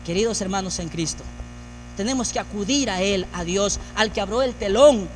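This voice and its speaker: A man's voice: high-pitched, moderate pace, a little hiss or hum. A man preaching a sermon as pastor, building emphasis through repeated phrases. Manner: preaching with rising, emphatic repetition.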